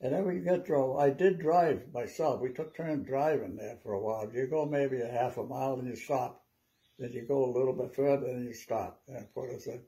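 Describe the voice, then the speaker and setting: A man in his nineties, an old veteran remembering his war days in a halting, rambling, conversational way with repeated words. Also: mid-range voice, warm tone. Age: 90s. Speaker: WWII veteran interviewee. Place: small living room at home, seated.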